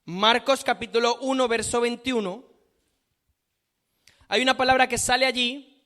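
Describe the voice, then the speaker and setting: A man's voice: very high-pitched, steady tone, normal speed, sharp tone. A man preaching a sermon, reading scripture aloud and repeating phrases for emphasis.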